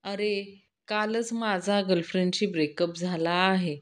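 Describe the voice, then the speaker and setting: A woman's voice: fairly low pitch, unhurried, pitched below the performer's own voice, natural voice. A woman voicing a sheepish young man explaining himself to a friend.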